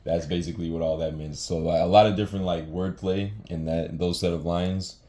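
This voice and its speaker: A man's voice: low-pitched, fairly even intonation, a little fast, dark tone. A young man casually explaining his own rap lyrics, laid-back and full of fillers like um and you know.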